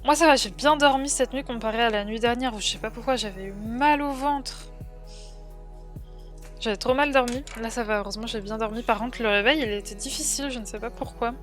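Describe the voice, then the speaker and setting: A young French woman chats casually on a livestream, answering viewers' comments and trailing off with frequent fillers. Her voice sits slightly high for a woman. Quiet music plays behind her. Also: fairly quick. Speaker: streamer.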